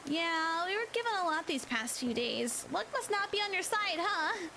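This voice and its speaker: A woman voicing an earnest, chipper teenage schoolgirl in a whispered role-play storybook reading, eager and softly apologetic. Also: very high-pitched, big pitch swings, moderate pace, gravelly, pitched above the performer's own voice, full character voice. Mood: teasing. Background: rain and crackling fireplace.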